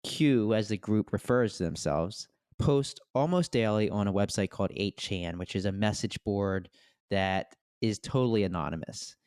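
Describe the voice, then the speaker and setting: A man co-hosting a casual podcast, talking in an animated way with quick asides and restarts. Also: on the low side, smooth, dry recording, studio quality. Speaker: podcast co-host.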